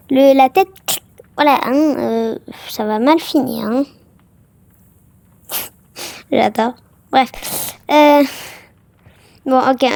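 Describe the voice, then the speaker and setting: A high-pitched woman chats her way through a game for her viewers, exclaiming often and filling pauses. She speaks slowly, and the sound is dry and close. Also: gravelly, darkish tone, no echo. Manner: chatty, exclaiming, many fillers. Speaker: gaming vlogger. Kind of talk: casual game commentary to viewers.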